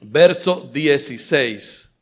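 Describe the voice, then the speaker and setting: A pastor preaches a live Sunday sermon from a church stage, his medium-pitched, somewhat bright voice slow and expressive. He is emphatic and rousing, calling out questions for the congregation to answer, captured through a stage mic on video.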